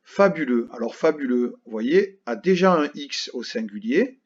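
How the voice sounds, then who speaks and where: A male primary school teacher giving a recorded grammar lesson to children, speaking slowly and patiently and spelling words out letter by letter. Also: medium pitch, lively intonation, lo-fi sound.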